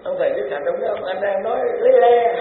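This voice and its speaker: Man, chatty Buddhist sermon, high voice, tinny phone-like audio. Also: quick pace, a little hiss or hum. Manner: conversational, repetitive, chuckling asides. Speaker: Buddhist preacher. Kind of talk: dharma talk sermon. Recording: tinny, echoey hall recording.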